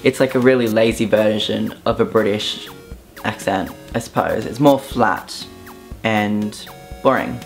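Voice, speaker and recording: Speaking to camera for his vlog, this young man from Southeast Queensland has an Australian accent and a fairly low, creaky voice that runs a little slow. He keeps things casual and relaxed, dropping plenty of ums, while faint music plays behind him.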